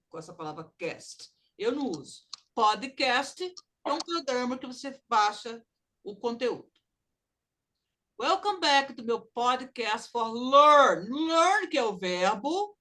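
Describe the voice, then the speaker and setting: A woman teaching English in an online class, explaining slowly and mixing English phrases into her talk over a video call. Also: on the high side, sharp tone.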